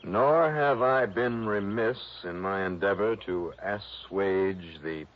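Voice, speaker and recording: A man voicing a solemn, theatrical letter writer in a radio drama, declaiming slowly in grand, formal, tragic phrases. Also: lowish voice. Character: solemn old-fashioned theatrical letter writer, read aloud. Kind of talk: old-time radio drama acting. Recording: dull old radio recording, faint noise.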